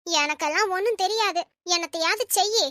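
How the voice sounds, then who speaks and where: A woman voicing a bossy, quick-tempered old auntie in an animated comedy, scolding and bickering with sarcastic jabs. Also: very high voice, no echo, studio quality. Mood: grumbling.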